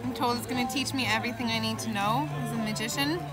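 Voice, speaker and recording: High-voiced young woman on an outdoor patio. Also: fairly even intonation, quick pace, loud music behind the voice. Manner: cheerful, surprised, chatty. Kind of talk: casual chat unboxing gifts.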